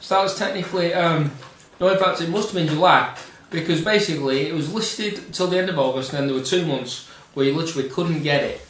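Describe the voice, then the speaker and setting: A man's voice: a little high, fast talker, few pauses, fairly bright tone. A man co-hosting a casual film discussion, opinionated and emphatic, with casual swearing. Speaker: co-host. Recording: roomy echo, distant mic, faint noise.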